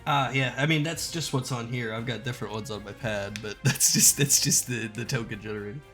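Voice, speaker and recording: A man's voice: medium pitch, fairly quick. A man acting as game master, talking casually and slangily, joking as he explains rules and narrates play. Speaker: game master of a tabletop role-playing game. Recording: music playing behind the voice. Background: music.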